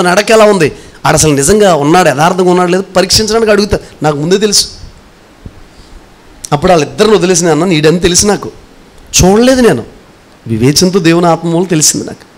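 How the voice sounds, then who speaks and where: A middle-aged male pastor preaching a sermon, earnestly pressing rhetorical questions on his congregation and swinging between forceful and hushed delivery. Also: sits high.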